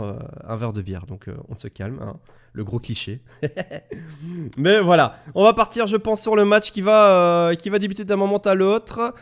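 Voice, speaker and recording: Man, Belgian French accent, esports caster, fairly high voice, lively swooping intonation, chatty, jokes with the chat, studio mic at home. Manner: chatty, joking, talks straight to the chat. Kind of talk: live game commentary. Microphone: XLR studio microphone.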